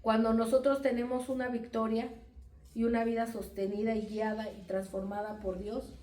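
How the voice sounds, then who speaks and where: A woman with a Mexican accent giving a lively testimony and preaching to the church women, acting out the voices in her stories. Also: on the high side, normal speed. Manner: animated storytelling, acts out voices in quotes. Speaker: speaker at a church women's meeting. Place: church hall. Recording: echoey room, voice far from the mic.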